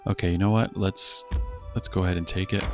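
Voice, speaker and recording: A man with a very low voice and a rough, gravelly fry narrates his video game session in casual commentary. He reads menus and dialogue aloud and thinks through each choice as he goes. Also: steady tone, fairly quick, music in the background. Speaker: let's play host.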